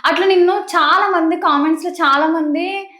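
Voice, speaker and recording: A woman's voice: very high-pitched, steady tone, moderate pace, bright, forceful tone, reverberant. A woman who asks an interview guest short, probing questions.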